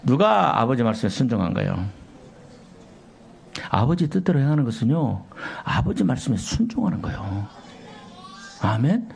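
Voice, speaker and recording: A man's voice: medium pitch, big pitch swings, moderate pace, gravelly, long pauses, a little mellow, a little hiss or hum. A male pastor preaching a Sunday sermon in a church, firing rhetorical questions at the congregation and acting out little scenes. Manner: acts out quoted dialogue in sketches. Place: church sanctuary.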